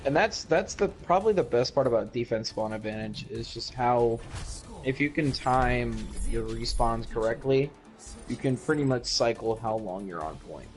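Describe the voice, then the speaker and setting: A man's voice: medium pitch, normal speed. Tired male esports caster over music. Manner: relaxed, tired, yawning between calls. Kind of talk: play-by-play commentary.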